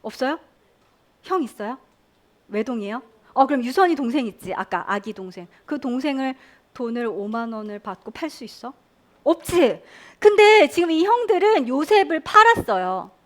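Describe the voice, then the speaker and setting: The children in this church Sunday school room are questioned and led in repeating phrases by a woman preaching an animated sermon. She has a high-pitched voice and talks at a normal pace.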